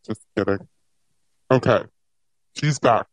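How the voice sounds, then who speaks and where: A host talking through a voice changer that lowers the pitch into a deep robotic tone, chatting casually and upbeat in a live audio interview. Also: takes it slowly, dry recording, rough recording. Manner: chatty, upbeat, filler-heavy.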